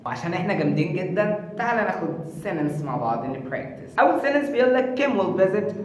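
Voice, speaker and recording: A man with an Egyptian accent teaching English pronunciation in a casual lesson, repeating words slowly for drills and making playful asides. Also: high voice, sing-song, slight background noise. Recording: very echoey room with long reverb.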